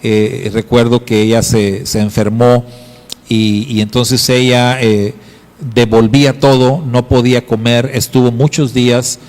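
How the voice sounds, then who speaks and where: A middle-aged pastor preaching in an unhurried, deliberate way, pausing and restarting as he searches for words. His delivery is earnest and emphatic. A long hall reverb trails after each phrase. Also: mid-range voice, level tone, darkish tone. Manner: earnest, emphatic storytelling with frequent hesitations. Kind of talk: sermon. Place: congregation hall.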